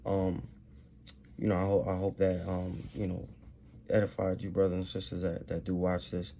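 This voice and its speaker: A man teaching from scripture in a loose, casual way, reading the old verses slowly and then explaining them in street slang, often stumbling and repeating words. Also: low-pitched, monotone, gravelly, dark tone, slight background noise. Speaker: bible teacher.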